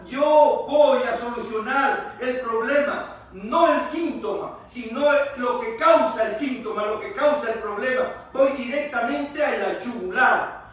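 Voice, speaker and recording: A man's voice: extremely high pitch, a little slow, fairly bright tone. A male pastor preaching a sermon. He stresses his key words by stretching them out and repeating them. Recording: echoey church hall, voice from far off.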